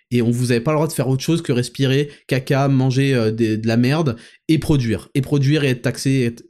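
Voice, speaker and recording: A man's voice: medium pitch, dark tone. A young man hosting a casual monologue vlog while walking, talking in a crude, rambling, ranting way. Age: young adult. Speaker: host.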